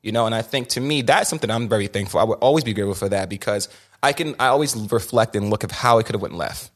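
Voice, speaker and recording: A young man hosts a podcast, speaking quickly in a fairly low voice. He tells his story candidly and emphatically, often restarting and repeating words.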